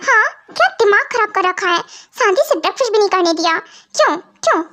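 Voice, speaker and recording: A woman voicing a quick-tempered young bride in a fan-dubbed audio story, with a snappy, irritated way of talking. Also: extremely high pitch, lively intonation, pushed and bright, heavily acted. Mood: annoyed.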